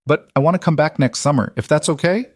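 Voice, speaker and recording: Man doing a shy, hopeful ranch kid, higher voice, dry close sound. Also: quick pace, no echo, lightly acted. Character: eager young ranch hand boy.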